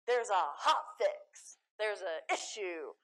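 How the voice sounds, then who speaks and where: A young American woman giving a conference talk with slides, animated and self-deprecating, laughing often at her own jokes. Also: medium pitch, takes it slowly. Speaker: conference speaker. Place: conference hall stage.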